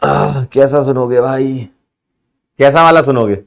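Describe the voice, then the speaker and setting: A man's voice: mid-range voice, fairly even intonation, a little slow, creaky. Playful joking male chemistry teacher. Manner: playful, joking, laughs often, calls students 'beta' and 'bhai'. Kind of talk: online lecture wrap-up, casual banter with students.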